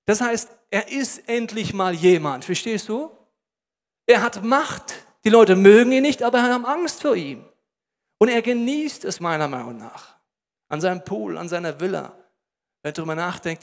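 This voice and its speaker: A man preaching a sermon in a lively, colloquial way, speaking straight to the listener. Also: high-pitched, normal speed, big-room sound.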